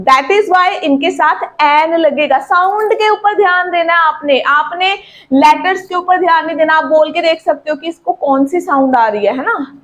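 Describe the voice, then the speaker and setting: A woman teaching an English grammar lesson, explaining slowly, repeating points and asking her students questions. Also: sits high.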